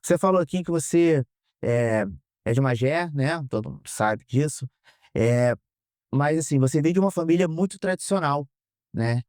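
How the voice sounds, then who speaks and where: A man's voice: fairly high pitch, lively intonation, normal speed, darkish tone, smooth, dry recording, clean studio sound. A Brazilian man hosting a podcast interview, asking questions conversationally and giving short affirmations. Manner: conversational, brief affirming "uhum".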